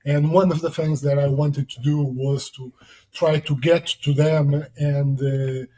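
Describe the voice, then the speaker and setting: A man in his thirties with a Portuguese accent talks in a flat, even tone. His voice is dark and mellow, and he pauses often with fillers as he works out his answers. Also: on the high side, rough recording. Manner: hesitant, many fillers and restarts. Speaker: guest, security consultant. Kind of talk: interview answers.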